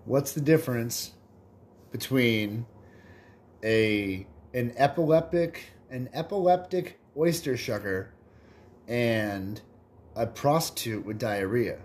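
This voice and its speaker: A man hosting a podcast, telling jokes in a relaxed, rambling way and chuckling at his own punchlines. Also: medium pitch, slow. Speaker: podcast host. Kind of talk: casual joke telling.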